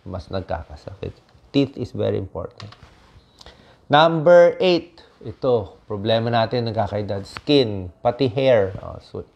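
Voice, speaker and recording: A man's voice: lowish voice, gravelly, a little mellow, lo-fi sound. Man giving casual health advice. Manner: conversational, repeats tag questions like "di ba" and "okay". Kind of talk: casual health talk to viewers.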